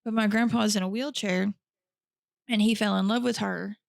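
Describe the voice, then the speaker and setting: A woman's voice: medium pitch, fairly even intonation, moderate pace, creaky, dry recording. A woman podcast host telling a true crime story in a casual, chatty way, with blunt profane asides.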